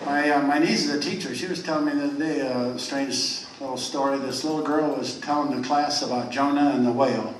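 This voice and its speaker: A man's voice: medium pitch, fairly even intonation, slight background noise. Older male stand-up, folksy storyteller, joke-by-joke delivery; distant mic, roomy hall with faint ambience. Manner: folksy, rambling set-ups with quick punchlines. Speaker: stand-up comedian. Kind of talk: joke telling to a live audience. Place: clubhouse of a retirement community.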